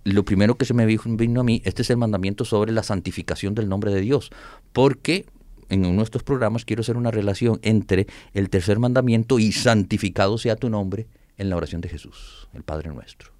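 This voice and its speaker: A man, explaining and reading Bible verses in an animated, conversational way. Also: on the low side, brisk, dry recording. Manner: animated explainer, reads scripture aloud, laughs often. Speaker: Bible teacher guest.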